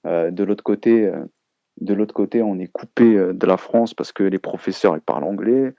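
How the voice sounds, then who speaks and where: A man hosting a casual live chat, speaking hesitantly with many pauses and fillers, with a gravelly voice on a dull lo-fi recording. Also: low-pitched, no room sound. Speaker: host.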